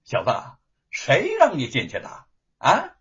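A rough gatekeeper servant bellows and scolds in a high, husky, wildly swinging voice, as a man storyteller puts him on. The lo-fi recording sounds dull and muffled. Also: big pitch swings, normal speed. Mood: blustering. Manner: gruff, bullying shouts. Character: rude shouting male gatekeeper servant.

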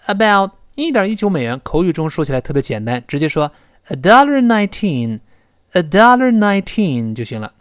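A man teaching English pronunciation, explaining sounds and slowly drilling words aloud. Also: medium pitch, no echo, clean studio sound. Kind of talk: pronunciation lesson.

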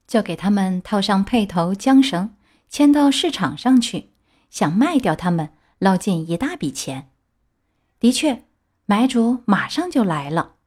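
A woman reading a children's storybook aloud with lively, expressive storytelling. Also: mid-range voice.

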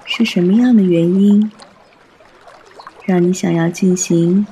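A man guiding a meditation in a soft, soothing, unhurried way, as a meditation guide. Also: high-pitched, steady tone, a little hiss or hum.

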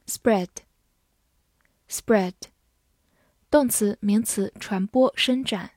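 A woman's voice: medium pitch, darkish tone, no echo, studio quality. A young woman teacher leading a vocabulary lesson, saying each English word twice before explaining it. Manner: reads words twice, slow and clear, then glosses.

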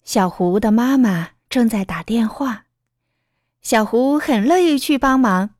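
A woman gently reading a bedtime story aloud to a child, speaking to the listener as her little darling. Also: a little high, expressive, measured pace, dry recording, studio quality. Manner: gentle, addressing a child as "baby".

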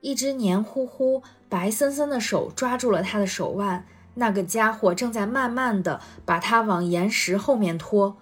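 A woman reading a storybook chapter aloud in a steady, expressive voice. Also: mid-range voice, normal speed, hardly any pauses, husky, soft background music. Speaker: guest reader.

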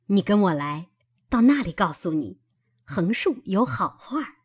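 A woman's voice: medium pitch, very animated, measured pace, husky. A woman doing a fawning, coaxing sister-in-law. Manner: coaxing, ingratiating. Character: fawning middle-aged sister-in-law, wheedling.

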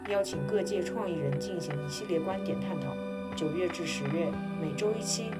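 A woman hosting a podcast, reading a scripted introduction and putting questions to her guests. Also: lowish voice. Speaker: host.

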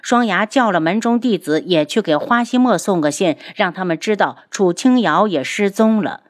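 A woman narrating a serialized audiobook in an even storytelling delivery. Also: medium pitch, normal speed.

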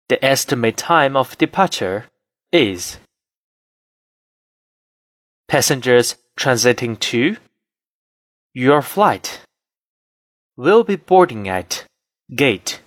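A man reading scripted cabin announcements as a flight attendant, in a formal, measured, phrase-by-phrase manner. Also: medium pitch, no room sound, clean studio sound.

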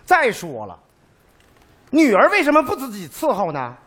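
A brash, boastful caregiver. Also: male voice, extremely high pitch, huge pitch swings, moderate pace, exaggerated voice. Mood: indignant. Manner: loud, exclamatory, argumentative. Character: blustering male caregiver, brash and proud. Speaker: hired caregiver in a stage sketch. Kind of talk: comic sketch acting.

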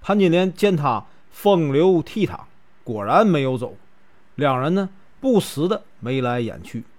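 A chatty male storyteller with a Northeastern Mandarin accent, stretching particles as he spins a classic tale. His voice is fairly high for a man. His pitch swings in a lively, animated way. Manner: chatty, with drawn-out filler particles. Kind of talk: casual storytelling of a classic novel.

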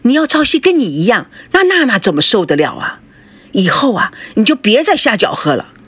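A woman's voice: fairly high pitch, big pitch swings, brisk, fairly bright tone, slightly rough, no room sound, exaggerated voice. A woman voicing a shrewd middle-aged mother who nags her husband and sweet-talks her daughter. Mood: scolding. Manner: nagging, persuasive, fawning.

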